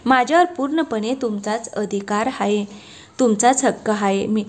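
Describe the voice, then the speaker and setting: A woman's voice: on the high side, measured pace, a little mellow. A woman reading the part of a shy, loving young wife who sulks and gets emotional. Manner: pouting, emotional.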